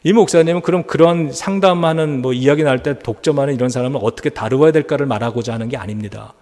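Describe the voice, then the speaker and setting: A man's voice: mid-range voice, quick pace, a little mellow. A man preaching a sermon as a pastor, telling a story and acting out the voices of the people in it. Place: church sanctuary. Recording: church hall reverb.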